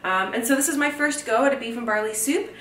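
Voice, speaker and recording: A woman's voice: a little high, fast, fairly bright tone, a little hiss or hum. A woman in her thirties talking casually and playfully to the camera while cooking dinner in her home kitchen. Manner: chatty, upbeat and playful, slangy asides. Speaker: lifestyle vlogger. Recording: roomy kitchen with faint music.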